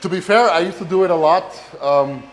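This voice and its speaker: A man's voice: high-pitched, fairly quick, poor audio. A man chatting casually like a gym bro with his training partner, in laid-back slang.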